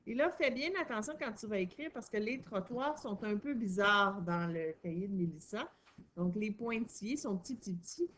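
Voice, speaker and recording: A woman's voice: medium pitch, normal speed, fairly bright tone. A woman teacher with a Quebec French accent, patiently explaining a reading and writing lesson step by step to a young child.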